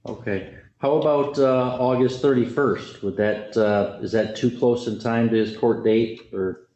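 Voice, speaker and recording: A man serving as judge in a courtroom, speaking haltingly with many fillers and self-corrections. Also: mid-range voice, fairly even intonation, mellow. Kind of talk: courtroom proceedings. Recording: echoey, dull courtroom audio with faint noise.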